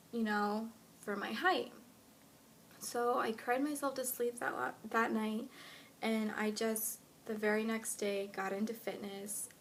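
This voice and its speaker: Speaking a little high, a twenty-one-year-old woman from the United States, who lived in Honduras as a child, introduces herself to followers as a fitness blogger. She has an American accent and keeps it casual, answering questions vlog-style over clear, steady background noise.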